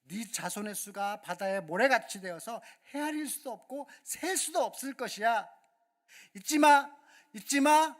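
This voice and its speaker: A preacher voicing God the Father, booming and stern. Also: lively intonation, measured pace. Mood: commanding. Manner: scolding then tender, declaring. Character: God the Father, loving but stern, male.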